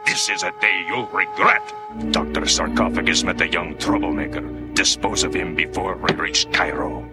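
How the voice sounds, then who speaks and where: An actor playing a cold, menacing crime boss who gives orders in a cartoon. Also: male voice, sits low, moderate pace, loud music behind the voice, close to an everyday voice. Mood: cold menace. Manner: menacing, commanding. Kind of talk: cartoon voice acting.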